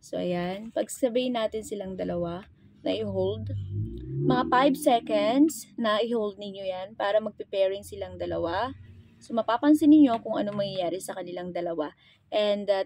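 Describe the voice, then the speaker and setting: This mid-range, gravelly, somewhat mellow female voice moves at a moderate pace and has a Filipino accent. She is a vlogger selling motorcycle gear, showing off products in a casual, hands-on tutorial while talking informally and directly to viewers.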